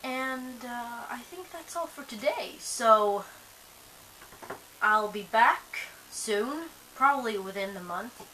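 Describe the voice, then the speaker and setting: Chatting to camera, a young vlogger whose first language is Swedish rambles sleepily through fillers and restarts. Her fairly high voice is animated, pushed and bright, and she takes things slowly. The rough recording has faint hiss.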